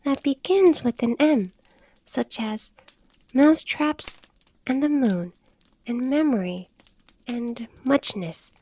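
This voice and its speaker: Woman doing a drowsy indignant dormouse, small male creature, higher voice, slow storybook pace. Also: expressive, a little mellow, heavily acted. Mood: sulky sleepy. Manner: drowsy, huffy. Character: sleepy little male dormouse, touchy and indignant.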